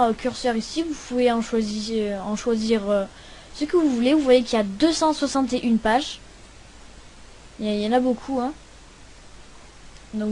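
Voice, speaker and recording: Young woman, high-pitched, casual tutorial host, hesitant, computer mic. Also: dark tone, slight background noise. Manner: hesitant, many fillers and restarts. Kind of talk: casual screen-recording tutorial.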